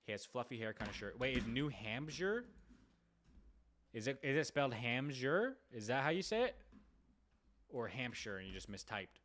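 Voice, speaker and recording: A young man live-streaming, chatting casually with viewers in an excitable way, repeating himself and firing off rapid shout-outs. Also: medium pitch, slight background noise. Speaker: livestreamer doing prank calls.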